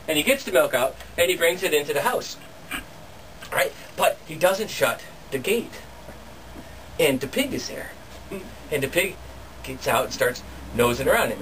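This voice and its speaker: Folksy man telling a tale, animated. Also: high-pitched. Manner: animated, chuckling, folksy, with asides to listeners. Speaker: storyteller. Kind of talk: live folktale storytelling to an audience. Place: bookstore in front of an audience. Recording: distant mic, faint room noise.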